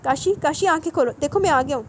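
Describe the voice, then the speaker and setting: A woman's voice: on the high side, a little mellow, slight background noise, lightly acted. A woman voicing a distraught young man, an urgent and protective elder brother, in a storybook reading. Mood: panicked shouting. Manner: urgent, raises voice in alarm.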